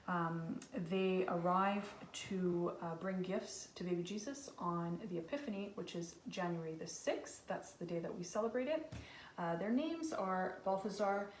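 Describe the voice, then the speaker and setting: A woman teacher giving a casual craft lesson to young children, with simple, reassuring step-by-step instructions. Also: on the low side. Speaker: kindergarten teacher. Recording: echoey room, distant mic, faint noise.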